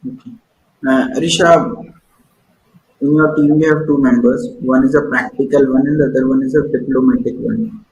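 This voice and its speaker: A man's voice: mid-range voice, steady tone, normal speed, a little mellow, highs cut off. A man with an Indian accent acting as a job interviewer, asking probing questions and explaining them with examples. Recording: echoey room with faint noise.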